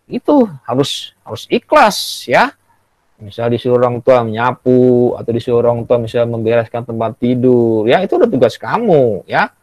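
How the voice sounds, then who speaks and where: A man's voice: mid-range voice, big pitch swings, normal speed, darkish tone, no room sound. A male teacher with an Indonesian accent, teaching a class over a video call. He keeps adding "ya" and "gitu loh" and coaxes the children along. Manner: repeats "ya" and "gitu loh" often, coaxing; acts out children's tantrums in a raised voice. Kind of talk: online class lesson.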